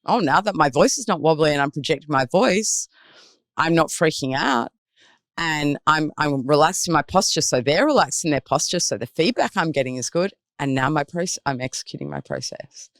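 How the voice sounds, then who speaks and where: An animated woman coaching on performance and mindset in a podcast interview. She asks her listener guiding questions and acts out the worried voices in people's heads. Her voice is recorded close and dry, with no room sound. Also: deep voice, normal speed, no echo. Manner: animated, acts out anxious inner voices and self-talk.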